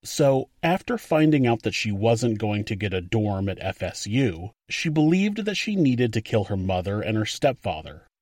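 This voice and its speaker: A man hosting a true crime podcast, reading a scripted narration in a measured way and commenting on the evidence. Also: lowish voice, big pitch swings, darkish tone, no echo, studio quality.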